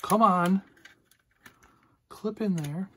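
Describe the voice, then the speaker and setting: A man unboxes toys in a relaxed, rambling way, handling the pieces and talking through each one. He reviews toys and hosts a podcast. His voice sits high and sounds pushed and bright with a breathy edge, and he speaks very slowly.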